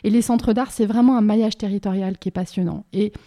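A woman from Bordeaux, France, speaks at mid pitch in a mellow, relaxed tone and a little fast. She's an independent curator and art school teacher being interviewed informally on the radio, explaining a project. She sounds hesitant and searching, often repeating words as her thoughts take shape.

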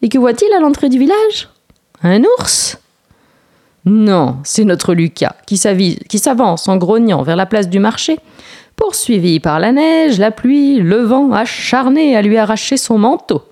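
A woman reading a children's story aloud in an expressive, lilting way. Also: on the high side, unhurried.

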